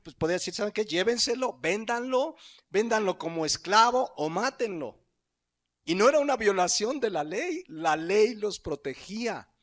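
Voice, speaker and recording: High-voiced Mexican pastor preaching. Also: male voice, fairly bright tone. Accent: Mexican Spanish. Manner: conversational teaching with rhetorical questions. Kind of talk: sermon.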